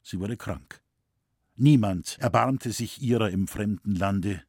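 A man narrating a novel as an audiobook in a measured, solemn way. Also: lowish voice, darkish tone, slightly rough, no echo, clean studio sound. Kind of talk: scripted narration.

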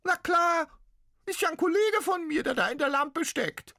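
A squeaky cheeky ghost stuck in a tube, super high and shrill, storybook voice. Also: male voice, lively intonation, moderate pace, vocal fry, pushed and bright, no room sound, studio quality, full character voice. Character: squeaky trapped male ghost, frantic and cheeky. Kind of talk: storybook reading.

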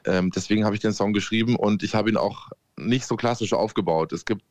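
A man's voice: on the low side, a little fast, a little mellow. A man, a radio presenter and musician, chatting as a guest in an easygoing, thankful manner. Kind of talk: casual chat.

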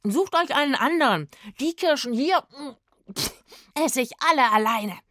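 A woman voicing a cheeky, grumpy, always-hungry young male vagabond musician who talks loudly and theatrically in an audio storybook. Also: mid-range voice, expressive, moderate pace, dry recording, clean studio sound, natural voice. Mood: greedy. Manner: loud, whiny and theatrical.

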